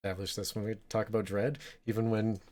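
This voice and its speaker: Low-voiced man rambling about films. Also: level tone, quick pace, darkish tone. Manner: loose and rambling, frequent fillers, bursts of laughter. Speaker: podcast co-host. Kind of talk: casual film discussion.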